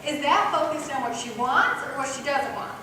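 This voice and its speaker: High-voiced woman running a parenting workshop, lively, sounds far off in a big echoey room. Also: moderate pace, slight background noise. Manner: animated, acts out parent and child voices. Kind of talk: workshop lecture to a live group. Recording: echoey room recorded from afar.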